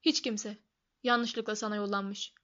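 A woman's voice: a little high, moderate pace, a bit bright, lo-fi sound, natural voice. A woman voicing a blustering, bad-tempered middle-aged uncle who barks and snaps. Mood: curt. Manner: gruff, barking and snapping.

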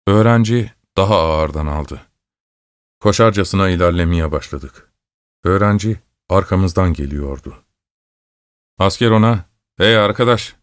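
A man narrating a story in a steady, measured storytelling voice. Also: low voice, clear, resonant tone, no echo, clean studio sound. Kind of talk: scripted narration.

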